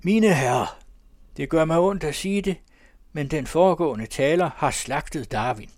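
A man doing a loud young scientist. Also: on the high side, expressive, no echo, pitched above the performer's own voice, natural voice. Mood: loud, regretful. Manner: loud, raised speaking voice. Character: young red-haired male scientist, calm, smiling. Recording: dry close recording.

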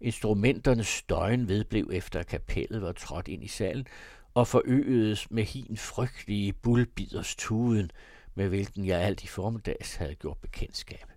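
A man reading a classic novel aloud as audiobook narrator, in a measured, even storytelling manner. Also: lowish voice, no echo, clean studio sound.

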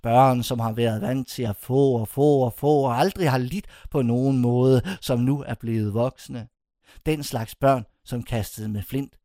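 A man reading a first-person literary story aloud, expressive, his voice climbing high when indignant. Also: dry recording, clean studio sound. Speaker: narrator.

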